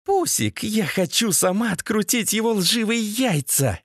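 A man's voice: sits high, expressive, measured pace, a bit bright, breathy edge, dry recording, studio quality, pitched above the performer's own voice, heavily acted. A man voicing an unhinged, sadistic young woman who squeals and wheedles. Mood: shrill, vicious.

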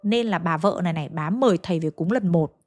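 A woman's voice: fairly low pitch, fast talker, darkish tone. Brief: woman, casual ghost-story teller, conversational. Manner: chatty, colloquial, addressing listeners. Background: faint music.

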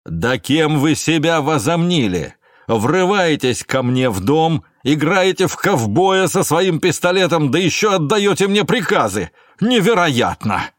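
A male reader voicing an indignant middle-aged male suspect who shouts with contempt at a police officer. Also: on the low side, animated, normal speed, hardly any pauses, no echo, clean studio sound, natural voice. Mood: enraged. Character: furious defiant middle-aged man, suspect.

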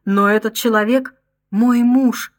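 A woman's voice: fairly high pitch, fairly even intonation, unhurried, pitched above the performer's own voice, lightly acted. Lady reading a frantic mom figure, pleading and scared, audiobook. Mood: despairing. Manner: anguished, crying out. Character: desperate middle-aged mother, frantic and pleading.

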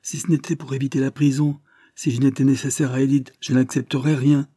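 A man's voice: mid-range voice, little pitch movement, a little fast, mellow, breathy edge, no room sound, studio quality, voice pushed up, natural voice. A man voicing a proud, touchy young man who bitterly refuses help in an audiobook. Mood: impatient.

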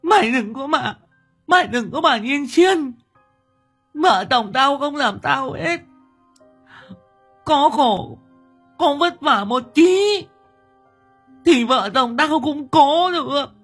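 A woman's voice: animated, normal speed, pushed and bright, soft background music, exaggerated voice. A shrieking hysterical mother. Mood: tearful wailing. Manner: wailing, scolding at a high shriek. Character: shrill hysterical middle-aged mother, loud nagger.

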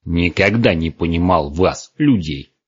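Man voicing a sulky dragon, clumsy, slow drawn-out talk, husky low voice, lo-fi. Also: lively intonation, exaggerated voice. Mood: casual. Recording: dull, dry lo-fi recording.

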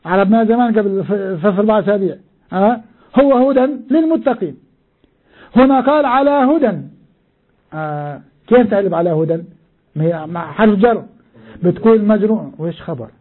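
An older man gives a classroom lesson on scripture, and his voice sits high for a man. His tone is husky and a little rough. The sound is thin and boxy, like an old phone line. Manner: explanatory, addresses students directly, repeats key words. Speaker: Quran interpreter and teacher. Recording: muffled phone-like lo-fi recording.

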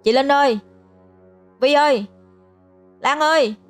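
A woman's voice: on the high side, normal speed, soft background music, lightly acted. A woman voicing a frightened man of nearly thirty who stammers and pleads. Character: jumpy nearly thirty-year-old man, easily scared.

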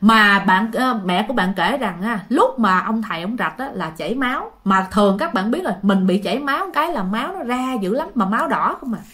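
A woman's voice: medium pitch, lively intonation, a little fast, few pauses, a bit bright. A woman narrating a ghost story in a chatty way, often addressing her listeners directly.

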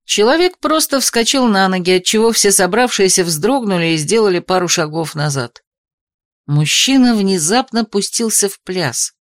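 A woman narrating a novel in a measured, even storytelling voice. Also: mid-range voice, no room sound, studio quality. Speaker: audiobook narrator. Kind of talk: scripted narration.

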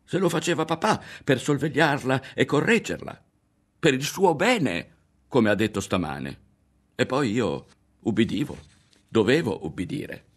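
A man's voice: mid-range voice, expressive, unhurried, voice pushed up. A man voicing a defensive adolescent boy, protesting firmly that he only obeyed his father. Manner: firm, protesting.

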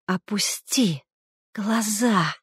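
A woman's voice: a little high, animated, extremely slow, a little mellow, no echo, exaggerated voice. A woman reader voicing a hysterical young woman who screams and hisses in frantic outbursts, recorded on a close, dry mic. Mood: hissing.

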